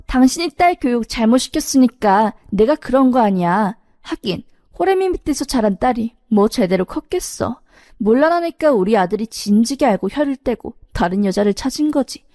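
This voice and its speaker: A woman's voice: on the high side, expressive, normal speed, dark tone, no echo, clean studio sound, close to an everyday voice. A woman voicing a sneering mother-in-law. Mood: contemptuous. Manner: sneering, insulting. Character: spiteful middle-aged mother-in-law who runs a hair salon.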